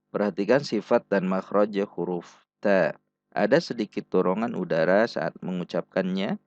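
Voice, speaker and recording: A man teaching Quran recitation rules, speaking slowly and deliberately and repeating each syllable for practice. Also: low-pitched, dry recording. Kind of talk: tajwid lesson with slow recited examples. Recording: dull dry lo-fi recording.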